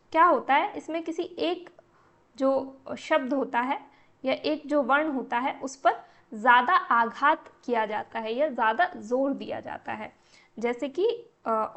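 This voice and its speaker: A woman's voice: high-pitched, vocal fry, fairly bright tone. A woman teacher giving an exam-prep lecture, explaining step by step and answering her own questions.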